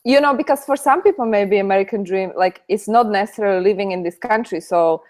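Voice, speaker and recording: A woman's voice: medium pitch, quick pace, a little mellow. A woman from Slovakia with a Slovak accent, hosting a casual interview and asking long, leading questions full of "like". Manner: talkative, leading questions with many likes. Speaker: interview host.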